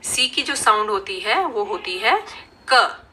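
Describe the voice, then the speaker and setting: Slow, bright-voiced woman teaching phonics. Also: medium pitch, sing-song, a little hiss or hum. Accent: Indian. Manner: slow, patient, demonstrating each sound. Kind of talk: phonics lesson.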